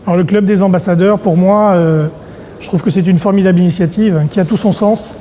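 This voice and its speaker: Hesitant man with a mellow voice. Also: high voice, steady tone, fairly quick, a little hiss or hum. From Paris, France. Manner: hesitant, many filler sounds. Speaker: congress organizer. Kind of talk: interview monologue.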